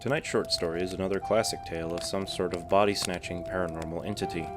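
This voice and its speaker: Deep-voiced man narrating a spooky story. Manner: calm, unhurried storytelling. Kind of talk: scripted narration. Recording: narration over clear background music.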